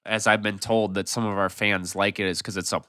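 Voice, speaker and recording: A man's voice: fairly low pitch, level tone, a little fast, bright, forceful tone, slight background noise. A man co-hosting a podcast, talking in an easygoing, chuckling way with lots of fillers. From Wisconsin. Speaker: podcast co-host, band songwriter. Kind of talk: casual chat.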